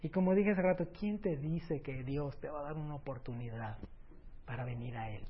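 Man, preacher, high husky voice, loud then hushed, dull lo-fi sound. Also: normal speed. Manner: swings between loud emphatic lines and soft near-whispered words. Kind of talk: sermon. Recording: dull lo-fi recording.

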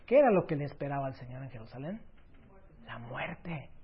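A man preaching a sermon, swinging between loud emphatic lines and soft, near-whispered words. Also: medium pitch, sing-song, a little fast, husky. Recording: dull lo-fi recording.

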